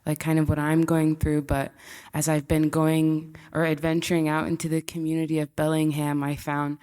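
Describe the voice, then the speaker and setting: A woman's voice: deep voice, monotone, normal speed, darkish tone, clear, resonant tone. A young woman, a transfer student on a panel, speaking with some hesitation and a shy laugh. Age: young adult. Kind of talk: panel discussion answers.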